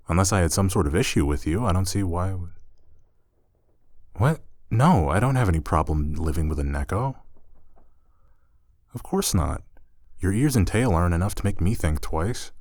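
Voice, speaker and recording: Earnest and reassuring, a man with a deep voice plays a young male roommate in an intimate ASMR audio roleplay. His delivery is easygoing and lightly teasing, slightly awkward, full of casual phrasing and hesitant asides that trail off. It is recorded very dry, with no room sound.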